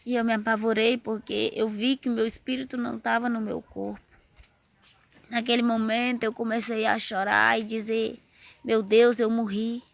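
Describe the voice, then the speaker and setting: Earnest woman telling a testimony, gravelly. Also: fairly high pitch, little pitch movement, normal speed, a bit bright, dry recording. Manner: earnest storytelling, rising intensity. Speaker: testimony speaker. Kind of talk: personal religious testimony.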